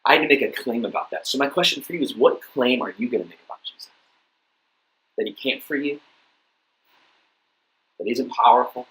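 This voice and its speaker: A man's voice: medium pitch, expressive, fairly quick, long pauses, a bit bright, low-quality recording. A young adult man giving a youth group talk, telling a personal story in a casual way with lots of fillers and restarts. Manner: casual storytelling, many fillers and repeated words. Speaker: youth pastor.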